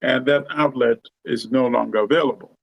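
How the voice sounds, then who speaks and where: Gravelly man, explaining steadily. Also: mid-range voice, fairly even intonation, dry recording, muffled recording. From Uganda. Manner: measured, explanatory, tags points with "you know" and "right?". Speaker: guest commentator. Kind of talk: conversational discussion.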